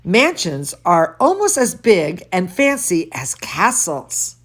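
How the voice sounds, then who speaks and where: A woman reads as an excitable little girl from a storybook, proud and theatrical. The delivery is unhurried and swoops up and down, with each fancy word carefully explained. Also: on the low side, full character voice. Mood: excited, proud. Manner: dramatic, precise, explains fancy words.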